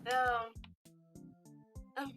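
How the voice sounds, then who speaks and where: A woman streamer with a tiring voice, chatting casually and narrating a game in a soft, slightly flustered way. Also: high voice, little pitch movement, drawn-out words, soft background music.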